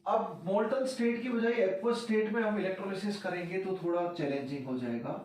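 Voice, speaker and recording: An Indian man teaching a chemistry class, slowly dictating definitions word by word. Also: sits high, darkish tone. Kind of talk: classroom lecture. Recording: very echoey room, voice from far off.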